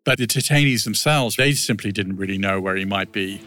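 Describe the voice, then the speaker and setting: A man's voice: fairly low pitch, fairly quick, noisy background. A man speaking as an expert commentator in an unscripted interview, conversational and explanatory.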